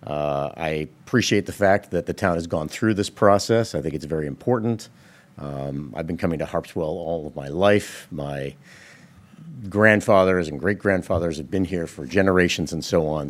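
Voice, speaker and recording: A man giving public comment at a town board meeting, speaking in a measured, methodical way with frequent "uh" fillers. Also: extremely low pitch.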